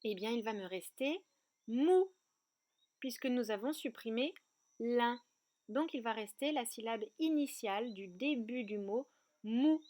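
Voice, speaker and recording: A woman teaching a remote kindergarten lesson, speaking slowly and clearly and breaking words into syllables. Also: on the high side, lively intonation, darkish tone. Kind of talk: remote lesson for young children. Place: outdoor terrace at night.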